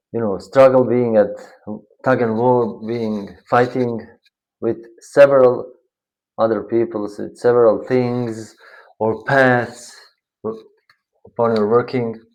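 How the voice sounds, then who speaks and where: Male tarot reader, mid-pitched, unhurried, rambling spiritual delivery. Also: steady tone, darkish tone, rough recording. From Bosnia. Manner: slow, meandering, searching for words. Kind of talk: spiritual tarot reading monologue.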